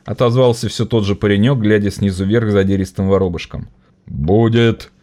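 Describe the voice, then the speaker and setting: A man narrating an audiobook in an expressive reading style. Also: on the low side, brisk. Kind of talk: scripted narration.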